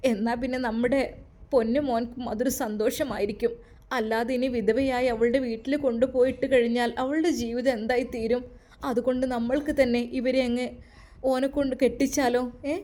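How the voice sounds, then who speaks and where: A woman's voice: a little high, steady tone, a little fast, mellow, natural voice. A woman voicing an older mother-in-law who reasons earnestly. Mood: persuasive.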